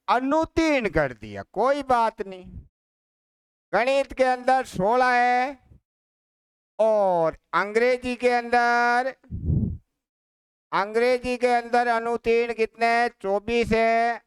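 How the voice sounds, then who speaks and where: A man teaches an exam-prep maths lesson at an unhurried pace. His voice is very clear and smooth, recorded close on a dry mic. He asks the class a question, repeats it, then answers it himself. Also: very high-pitched, lively intonation, fairly bright tone, dry recording.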